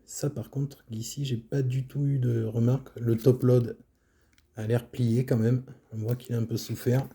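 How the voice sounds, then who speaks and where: A man calmly showing his card collection in casual commentary, low-key and trailing off at phrase ends. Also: measured pace, breathy edge.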